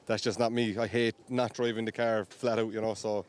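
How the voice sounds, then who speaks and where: A man's voice: lowish voice, little pitch movement, a little fast, clean tone. A man, a drift driver, talking through a bad run in a trackside interview, frustrated and rambling. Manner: frustrated, rambling, nervous laughs.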